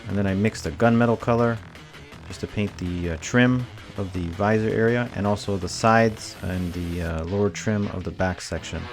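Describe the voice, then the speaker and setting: A man in his thirties, a cosplay prop maker, talks through his build steps in a relaxed, plain way in a casual tutorial voice-over. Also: fairly low pitch, moderate pace, over loud music. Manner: relaxed, plain step-by-step explaining. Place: home workshop, indoors.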